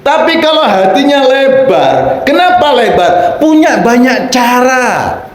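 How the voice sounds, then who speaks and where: A man's voice: very high-pitched, very animated, slow pace, reverberant, a little hiss or hum. A man giving a playful sermon, acting out little dialogues and raising his voice for emphasis. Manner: playful, acts out quoted voices, rising to shouts for emphasis. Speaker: Islamic preacher. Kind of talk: lively sermon with acted dialogues.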